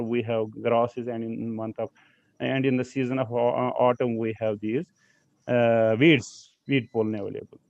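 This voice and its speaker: Halting man lecturing over a video call. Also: mid-range voice, darkish tone, no room sound. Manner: halting, many fillers and restarts. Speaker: lecturer on pollen allergy. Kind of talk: online slide lecture. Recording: slightly dull video call audio.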